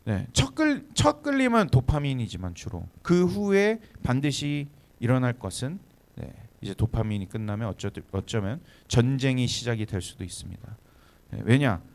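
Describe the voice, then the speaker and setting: Lively Korean pastor preaching. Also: male voice, medium pitch, vocal fry. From Chungcheong, Korea. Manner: conversational, peppered with quick "네" affirmations. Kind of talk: sermon to a young adult congregation. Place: church hall.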